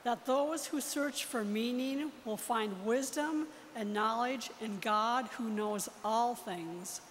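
Slow-reading woman lector in church. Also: fairly high pitch. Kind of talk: reading prayers of the faithful. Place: large church, at the ambo. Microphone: far camera. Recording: long church reverb, faint noise, far camera.

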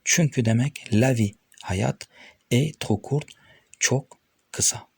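A man's voice: mid-range voice, gravelly, husky, no echo. A man with a Turkish accent teaching French grammar, patiently reading out verb forms and explaining each one. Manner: patient, addresses viewers as friends, reads conjugations slowly.

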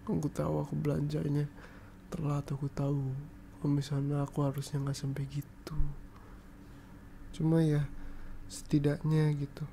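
A man's voice: fairly high pitch, completely flat delivery, normal speed, gravelly, pauses often, warm tone, a little hiss or hum. A young man in an ASMR boyfriend role-play, pleading and apologizing in a coaxing way and slipping English phrases into his speech.

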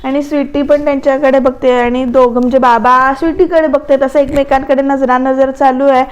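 A woman's voice: sits high, flat delivery, fairly quick, lo-fi sound. A woman narrating a voice-over recap of a television serial, retelling scenes conversationally with asides to viewers.

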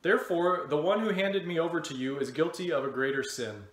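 Casting: man, 30s, fairly high voice, solemn Bible reader, echoey room. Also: brisk, a bit bright. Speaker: church member reading scripture. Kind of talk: solemn scripture reading. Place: indoor room with bookshelves. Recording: roomy indoor echo.

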